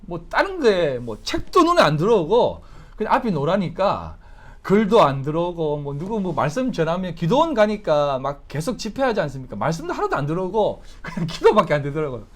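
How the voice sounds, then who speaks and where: A male pastor delivers a sermon with a restless, sweeping pitch that climbs high when he exhorts and drops low and soft when he tells a story. His voice sits a little high for a man. Now and then he slips into the voices of family members, with a laugh in his tone. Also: a little fast. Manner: animated preaching, swinging from soft storytelling to loud exhortation.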